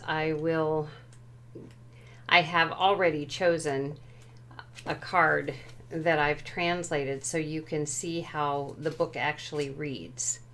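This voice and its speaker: A woman's voice: low-pitched, a bit bright. A woman walking through a tarot deck and its book at home, speaking carefully and tentatively, often unsure how a word translates. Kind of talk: unhurried show-and-tell walkthrough.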